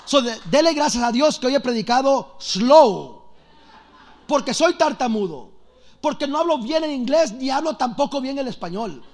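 High-pitched male preacher, fast and animated, joking storytelling sermon, from Los Angeles. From Los Angeles, USA.

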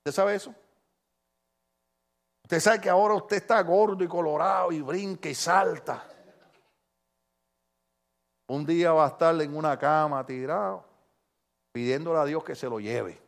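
A middle-aged Puerto Rican-accented preacher with a notably high voice delivers a sermon. He tells stories animatedly and keeps throwing rhetorical questions at his listeners. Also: unhurried, creaky, long pauses. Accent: Puerto Rican Spanish. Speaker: pastor.

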